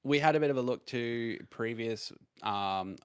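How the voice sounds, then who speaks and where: A man's voice: mid-range voice, measured pace, clean tone, no room sound. An Australian man co-hosting a podcast, chatting casually about sport over a call. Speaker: fantasy rugby league podcast co-host.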